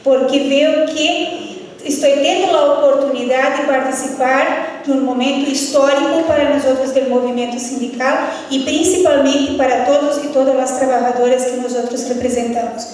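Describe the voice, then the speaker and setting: High-voiced Brazilian woman speaking portuñol, echoey hall. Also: steady tone, moderate pace, a little mellow. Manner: mixes Spanish with Portuguese, portuñol. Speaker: trade union delegate. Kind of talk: formal greeting speech at a union event. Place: large echoey hall, heard from far off. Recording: echoey hall, distant, faint noise.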